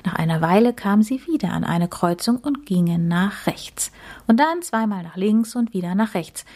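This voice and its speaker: A woman reading a children's story aloud, gentle and unhurried. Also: medium pitch, lively intonation.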